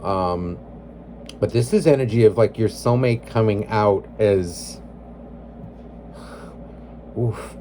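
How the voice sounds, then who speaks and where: A man's voice: fairly low pitch, slow pace, long pauses, warm tone, a little hiss or hum. A man giving a casual tarot reading, rambling with many "like"s and "you know"s, blunt and emotionally invested. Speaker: tarot reader.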